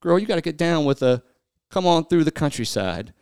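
A man's voice: a little high, expressive, brisk, gravelly, a little mellow, smooth, no room sound, clean studio sound. A man co-hosting a casual podcast, read-singing country song lyrics for laughs. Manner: reads song lyrics in a half-sung, joking way. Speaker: podcast co-host.

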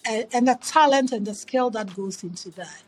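A middle-aged woman from Ghana speaks as an interview guest over a remote call. Her voice sits somewhat high, and she tells her story in an earnest, reflective way, often restarting her sentences. Faint music plays underneath. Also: normal speed, low-quality recording. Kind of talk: conversational storytelling.

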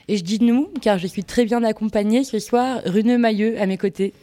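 A woman's voice: fairly high pitch, moderate pace, mellow. A woman hosting a live radio show, announcing the programme in a friendly, scripted way into a studio microphone. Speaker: radio host.

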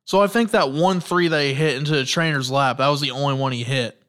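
A man hosting a casual solo sports podcast at a middling pitch. He talks with excitable enthusiasm, often trails off or restarts mid-sentence and fills gaps with "like" and "uh.". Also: fairly quick. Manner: excitable, rambling, many restarts and fillers; enthusiastic storytelling. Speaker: podcast host.

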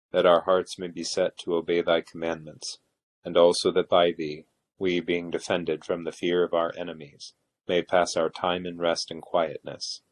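A man with a low voice leads evening prayer. His delivery is solemn and measured, with little rise or fall as he recites the liturgy. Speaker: officiant leading evening prayer.

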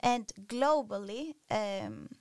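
A woman researcher from Greece, explaining her findings in a podcast interview in a measured way, pausing often with filler sounds. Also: medium pitch, wildly swooping pitch, no echo. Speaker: researcher guest.

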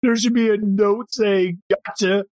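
A woman's voice: fairly low pitch, unhurried, darkish tone, no room sound. A woman tabletop player speaks in a close, dry sound. She talks casually and sets up her character's moments with playful theatricality. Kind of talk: casual table talk and narration.

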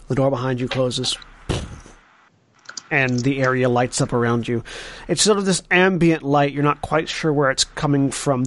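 A man working as game master, narrating a tabletop game with descriptive, deliberate scene-setting. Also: mid-range voice, no room sound.

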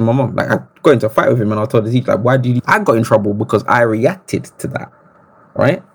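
A man, telling stories as a podcast guest in an animated, reflective way. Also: medium pitch, slightly rough. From Congo. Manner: reflective, animated storytelling with restarts. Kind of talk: casual interview conversation.

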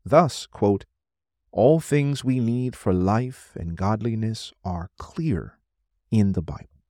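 A man reading a scholarly religious text aloud as scripted narration, in a formal, measured manner. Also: lowish voice, expressive, a little mellow, no room sound, studio quality. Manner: formal, measured, announces quotations.

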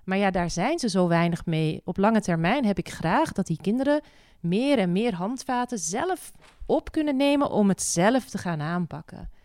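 A woman explaining child behaviour on a panel in a lively, illustrative way. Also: medium pitch, moderate pace, no echo. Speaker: childcare expert.

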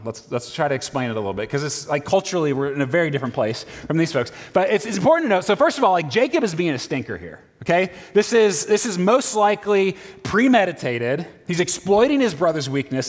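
Lively high-voiced man preaching casually. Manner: casual, animated, many fillers and restarts. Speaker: pastor. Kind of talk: conversational sermon. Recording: reverberant hall.

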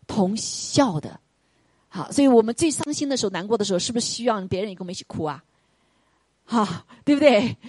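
A woman preaching an earnest, gentle sermon. She keeps asking the congregation rhetorical questions and often tags her points with the English word "right". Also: on the high side, slightly rough, dry recording. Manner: earnest, gentle, pastoral delivery.

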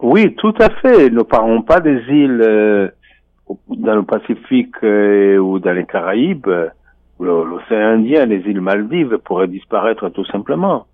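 A man commenting on finance and economics over a telephone line on a radio show, speaking in a measured, deliberate way with frequent hesitations. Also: fairly low pitch, animated, no room sound. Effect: voice heard over a telephone line. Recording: muffled phone line, dry.

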